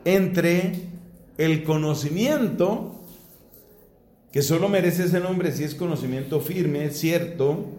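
A middle-aged man from Colombia, a priest, giving a philosophy lecture in a slow, deliberate way with rising emphasis. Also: on the high side, a little mellow. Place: classroom or hall. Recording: echoey room.

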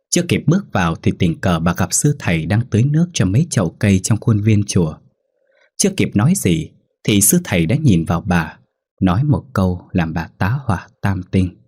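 A man tells a ghost story in a measured, somber way. His voice sits low and sounds husky. The delivery is scripted storytelling. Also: a little mellow.

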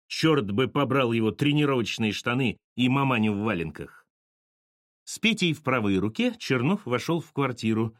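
A man narrating an audiobook in an expressive, animated manner. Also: medium pitch, no room sound, clean studio sound.

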